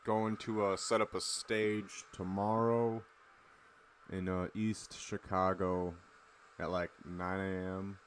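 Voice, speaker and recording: A young man chatting casually on a late-night game stream, relaxed and rambling with lots of fillers. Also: low voice, takes it slowly, slight background noise.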